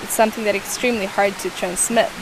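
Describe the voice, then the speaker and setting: Speaking quickly in a steady, mid-range voice, this young non-native English speaker gives thoughtful interview answers. She hesitates, searches for words and restarts many times, and there's noise behind her.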